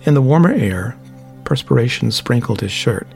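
Brief: male audiobook narrator, steady descriptive reading, gravelly, mid-pitched. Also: moderate pace, faint music behind.

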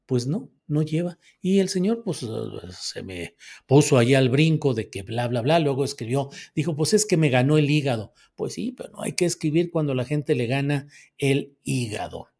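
A man's voice: mid-range voice, expressive, a little mellow. A man with a Mexican accent hosting a casual commentary, reading viewer comments and answering them in a chatty, sardonic way. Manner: chatty, sardonic, drawn-out emphatic words.

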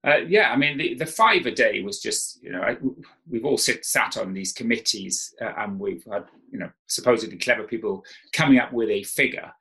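Male professor, gravelly voice, informal explainer with restarts. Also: mid-range voice, expressive, normal speed, pushed and bright, poor audio. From Wales. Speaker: professor, expert guest. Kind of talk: conversational interview.

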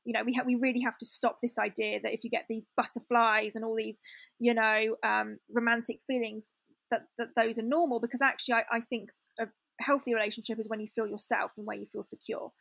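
A woman's voice: on the high side, flat delivery, brisk, vocal fry, a bit bright, dry recording. A young woman telling a personal story in a candid, chatty way, full of fillers and restarts. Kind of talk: casual storytelling chat.

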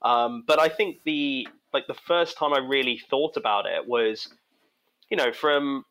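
A man speaking as a guest cook, relaxed and chatty, chuckling as he talks. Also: mid-range voice, a little slow, poor audio. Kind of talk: casual interview chat.

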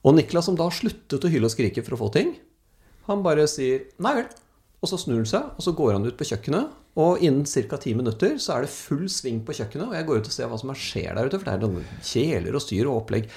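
A man tells casual anecdotes as a speaker, animated and acting out the people he quotes. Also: medium pitch, vocal fry. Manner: animated storyteller, acts out quoted voices. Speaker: speaker telling stories.

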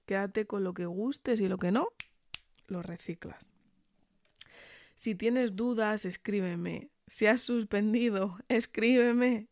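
Sick with tonsillitis and fever, her throat sore, a Spanish-accented woman podcast host speaks directly to the listener in an earnest, encouraging motivational monologue. She talks slowly at a medium pitch, pausing often, with no room sound.

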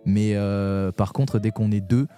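A young man from France, a poet guest on a podcast, talking frankly and hesitantly in a casual conversation, with many pauses and restarts. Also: on the low side, fairly even intonation, warm tone, faint music behind.

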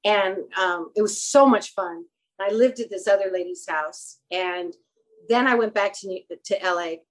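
A woman's voice: mid-range voice, normal speed, rough recording. A woman, a guest who acts and runs a clothing store, telling rambling anecdotes in a casual interview. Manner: animated, rambling anecdotes with quoted dialogue.

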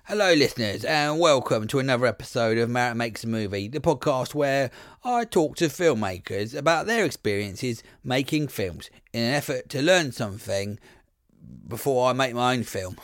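A man's voice: medium pitch, expressive, moderate pace, no room sound, studio quality. A British man introducing a podcast as its host in an informal, self-deprecating, jokey way.

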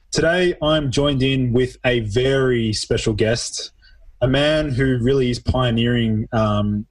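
A man's voice: mid-range voice, breathy edge. A man hosting a podcast, introducing the show and interviewing a guest. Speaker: podcast host.

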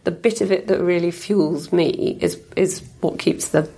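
A woman entrepreneur with a slightly croaky voice, talking hesitantly and modestly in a casual interview. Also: fairly low pitch, unhurried, dark tone. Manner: hesitant, self-deprecating, laughs often. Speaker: guest entrepreneur.

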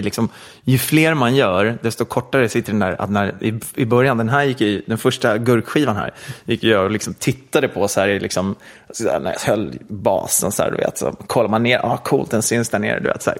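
Gravelly-voiced middle-aged man rambling. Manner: rambling, many fillers, animated pitch jumps. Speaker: interview guest, musician. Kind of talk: casual interview chat.

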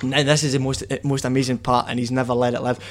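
A man with a west of Scotland accent telling casual stories in animated, sweary, matey banter. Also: mid-range voice, fast talker. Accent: Scottish, west central. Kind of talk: casual storytelling chat.

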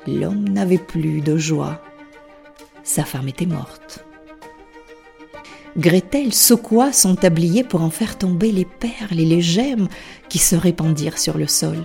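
A woman reading a fairy tale aloud in a soft, half-whispered narration. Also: lowish voice, gravelly. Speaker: storyteller.

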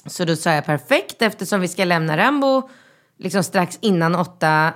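A woman in her thirties, a mother, chatting casually and telling a lively story, acting out the voices in it. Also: deep voice. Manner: lively storytelling with acted-out dialogue. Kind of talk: casual chat.

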